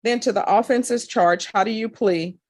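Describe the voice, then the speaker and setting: A woman presiding as judge in a courtroom recording, putting formal questions in a brisk, businesslike way. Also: fairly high pitch. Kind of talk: formal plea hearing questioning.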